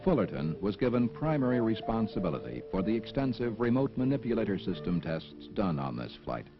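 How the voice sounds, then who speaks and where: Music plays under a slightly dull film soundtrack. A man narrates a scripted documentary formally, in a low voice with plenty of creak. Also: big pitch swings, brisk.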